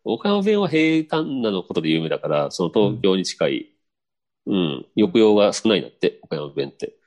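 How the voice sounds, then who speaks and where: A man's voice: on the low side, moderate pace. A man hosting a podcast, reading listener messages aloud and chatting casually, often chuckling and answering with short "un" sounds. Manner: relaxed, chatty, frequent laughter and back-channel "un". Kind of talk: casual chat.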